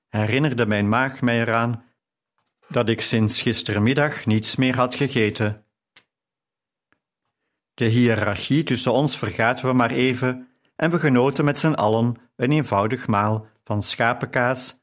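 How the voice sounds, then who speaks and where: A man reading a novel aloud as a measured first-person narration. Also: mid-range voice. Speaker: audiobook narrator.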